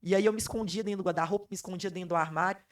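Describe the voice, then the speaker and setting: A hoarse woman, a podcast guest telling her life story in an emphatic way and repeating phrases for weight. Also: lowish voice, steady tone, very fast, recorded from a distance. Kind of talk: emotional personal storytelling.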